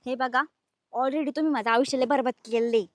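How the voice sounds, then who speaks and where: An actress playing a quarrelsome sister-in-law, combative and mocking. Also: female voice, high-pitched, steady tone, brisk, noisy background, close to an everyday voice. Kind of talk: Marathi village drama acting.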